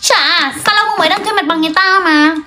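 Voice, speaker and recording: A woman performing all the parts of a comedy skit with quick, teasing banter. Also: extremely high pitch, sharp tone, echoey room, a little hiss or hum. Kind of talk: comedy skit role-play. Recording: music playing clearly behind.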